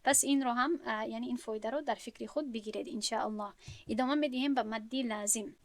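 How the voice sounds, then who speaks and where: A woman's voice: a little high, no echo. A woman teaching a recorded lesson on Quran recitation, explaining step by step and often rephrasing herself.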